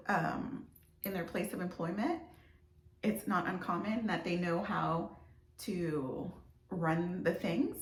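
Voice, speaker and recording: A woman's voice: on the low side, roomy sound, slight background noise. A young adult woman teacher talking casually to kids, chatty and loose, with fillers and restarts. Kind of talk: casual classroom talk to kids on video.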